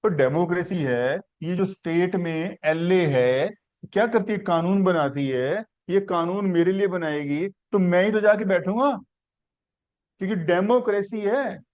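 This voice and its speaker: High-voiced man teaching a civics class. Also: unhurried, a little mellow, muffled recording. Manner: questioning, explains step by step with simple examples. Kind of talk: classroom lecture.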